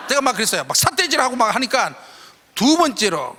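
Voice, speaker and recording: High, lively man telling a sermon story. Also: fairly quick. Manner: animated storyteller who acts out his own shouting. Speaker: guest preacher. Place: large church hall. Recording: echoey church hall.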